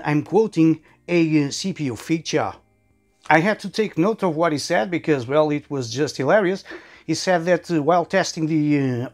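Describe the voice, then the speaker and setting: A man giving casual sarcastic commentary as a tech YouTuber, halting often with fillers. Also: on the high side, a little mellow.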